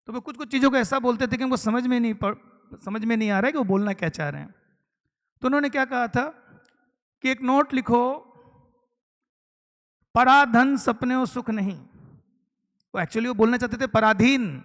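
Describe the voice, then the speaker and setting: Speaking very fast in a very high-pitched voice, this eastern Indian teacher trainer walks through the material step by step. He poses rhetorical questions to his audience and slips in English terms, all under a long hall reverb.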